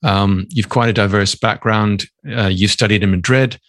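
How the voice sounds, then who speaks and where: A man hosting an interview, asking long questions in a measured way. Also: lowish voice, steady tone, fairly bright tone, dry recording, clean studio sound. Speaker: podcast host.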